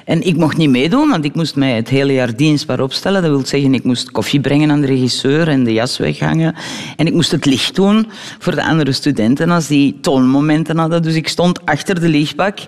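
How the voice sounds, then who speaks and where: A Flemish woman, a guest actress in a radio interview, telling animated anecdotes and acting out the voices of people in them. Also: deep voice, a little fast, in a large hall. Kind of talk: lively storytelling in a radio interview.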